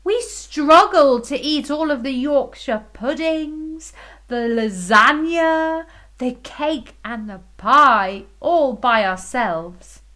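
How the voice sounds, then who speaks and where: A kind, giggly storybook queen with a high, sing-song voice, as a woman puts her on while reading to toddlers. Her lines come slow and warm in tone, rising and falling widely. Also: expressive, full character voice. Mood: welcoming.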